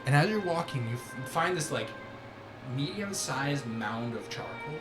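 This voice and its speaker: A man's voice: mid-range voice, animated, measured pace. A man improvising tabletop game narration as game master, in a conversational, piecemeal way. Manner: conversational, piecemeal descriptions full of "like". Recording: roomy echo with music behind.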